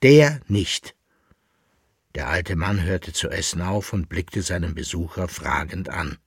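A man's voice: deep voice, moderate pace, gravelly, fairly bright tone, husky, dry recording. Male narrator for a radio reading of a novel; dry, close studio sound. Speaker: reader. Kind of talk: audiobook narration of a historical novel.

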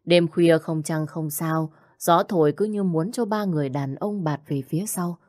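A woman tells a scripted horror story in a steady, suspenseful way. Her voice is notably low, and the recording is dry and close. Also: normal speed, dry recording.

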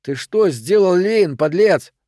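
A protective, pugnacious young man who barks his lines, as a male storyteller puts him on. Raised and dry, with slow, heavy emphasis. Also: fairly high pitch, big pitch swings, warm tone, no room sound. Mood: aggressive. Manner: barking, combative.

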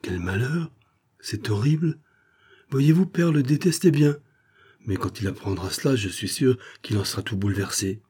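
A man's voice: medium pitch, lively intonation, normal speed, a little mellow, breathy edge. A man voicing a distraught young woman who pleads anxiously for help finding her missing father. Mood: pleading, distressed.

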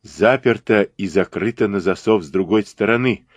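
A man's voice: lowish voice, normal speed, dry recording, lightly acted. A man voicing Poirot, a terse old detective. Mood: urgent. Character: fastidious elderly male detective, terse and commanding.

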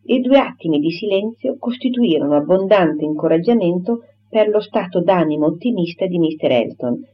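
A woman's voice: fairly low pitch, expressive. Woman narrating a classic novel, dull lo-fi sound. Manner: measured, literary reading. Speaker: audiobook reader. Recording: dull lo-fi recording.

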